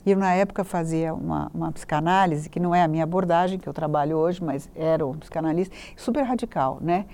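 A woman in her sixties with a Brazilian Portuguese accent, a therapist telling a personal story as a guest, animated and acting out her own past thoughts. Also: fast. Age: 60s. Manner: animated, acts out her own past thoughts, voice climbs high when recalling panic.

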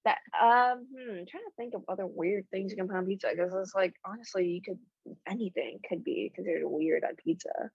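A woman's voice: medium pitch, a little fast, vocal fry, husky, no room sound, muffled recording. A woman co-hosting a podcast in casual chat, rambling and playful, with a lot of fillers. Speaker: podcast co-host.

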